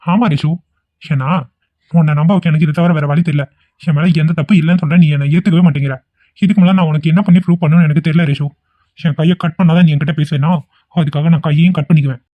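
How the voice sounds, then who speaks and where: A man's voice: fairly high pitch, steady tone, fairly quick, lightly acted. A man voicing a scheming young man who is a jealous ex-lover, wheedling and theatrical in a cartoon. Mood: threatening. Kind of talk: amateur cartoon voice acting. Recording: tinny phone-like lo-fi audio.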